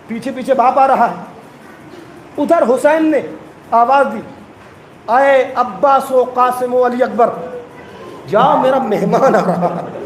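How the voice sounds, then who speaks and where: Man, very high voice, emotional chanted elegy sermon, sobbing wails, echoey hall. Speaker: preacher at a mourning gathering. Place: mourning gathering hall. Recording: echoey hall with faint noise.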